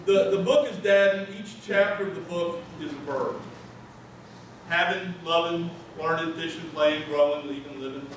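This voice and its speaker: A man's voice: on the high side, normal speed. An older man, an author, talks informally to an audience. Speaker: author, speaker at a reading. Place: echoey room before a live audience. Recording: echoey room, far from mic, noisy.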